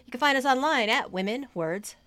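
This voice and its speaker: A woman's voice: high-pitched, animated, a little fast, fairly bright tone, no room sound. A woman hosting a podcast in casual chat, giving dry, wry short replies. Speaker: podcast host.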